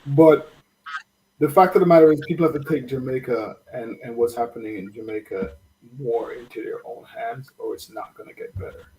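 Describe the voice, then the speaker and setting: A man's voice: medium pitch, steady tone, moderate pace, darkish tone, poor audio. A man with an American accent speaking as a guest, earnest and rambling as he shares his views. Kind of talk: casual discussion.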